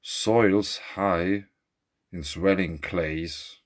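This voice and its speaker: Low-voiced man musing aloud. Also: fairly even intonation, drawn-out words. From Switzerland. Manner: rambling, thinks aloud, reads facts then drifts into asides. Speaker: vlogger. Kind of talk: casual musing monologue. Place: outdoors at a lakeside beach.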